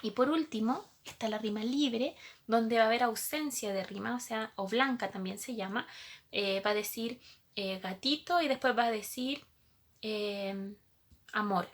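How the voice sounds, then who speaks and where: A woman's voice: on the high side, unhurried. A woman teacher, patiently explaining a lesson to young pupils and asking them questions as she goes.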